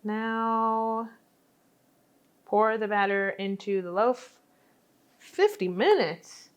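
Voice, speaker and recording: Baking in her home kitchen, a young lifestyle vlogger keeps up a chatty, self-mocking commentary. She speaks extremely slowly in a smooth, fairly high voice with lively intonation.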